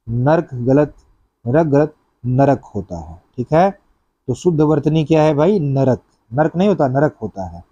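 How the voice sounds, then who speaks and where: A man's voice: fairly high pitch, warm tone, no room sound. Man, exam coaching teacher, step-by-step explaining, dry close sound. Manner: explains step by step, repeats answers, asks the class "bhai". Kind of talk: exam-prep lesson going through practice questions.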